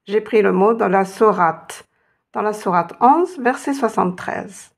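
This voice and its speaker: Brief: woman teacher, patient and encouraging, unhurried delivery with a gravelly edge. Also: mid-range voice. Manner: patient, encouraging, spells out sounds slowly. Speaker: Arabic teacher. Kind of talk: reading lesson.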